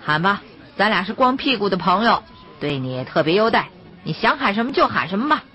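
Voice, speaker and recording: A man's voice: high-pitched, sing-song, fairly quick, bright, forceful tone, full character voice. A woman voicing a taunting militia leader. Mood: mocking. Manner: taunting, mocking. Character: cruel young male militia squad leader.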